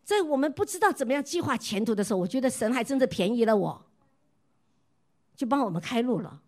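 A middle-aged woman from Taiwan preaches a sermon mixed with her own testimony. She keeps asking her listeners questions, and her voice often drops soft and quiet as she tells her stories. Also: a little high, animated, fast. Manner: asks the listeners repeated questions. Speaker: pastor's wife preaching.

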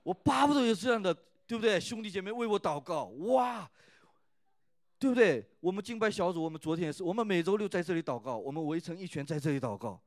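A man's voice: high-pitched, animated, fast talker, a little mellow, dry recording, studio quality. A man preaching at a youth church service, who keeps asking the listeners "right?" and retells scripture in a conversational tone. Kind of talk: sermon.

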